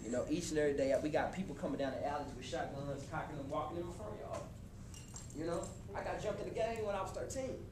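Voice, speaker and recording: A man in his twenties giving a motivational talk to a live college audience, casual and animated, speaking straight to the crowd. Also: on the high side, fast talker. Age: 20s. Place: college hall before an audience. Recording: echoey hall with room noise.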